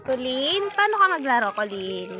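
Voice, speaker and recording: A woman's voice: sits high, sing-song, moderate pace. A young woman filming her family at home on a phone, playful and laughing often as she coaxes a little child. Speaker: older sister filming family. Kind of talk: casual home video chat. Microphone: phone camera.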